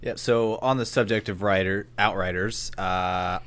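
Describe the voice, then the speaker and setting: A young man with a fairly low voice talks on a podcast. He sounds laid-back and wry. He often lets his sentences trail off. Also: fairly even intonation, unhurried, a bit bright, clean tone. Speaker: podcast co-host. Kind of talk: casual chat.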